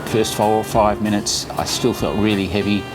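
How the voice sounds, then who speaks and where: A man's voice: fairly low pitch, steady tone, normal speed, over music, rough recording. A man in his sixties talking casually to camera as a running vlogger, chatty, instructive and reassuring as he shares tips. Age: 60s.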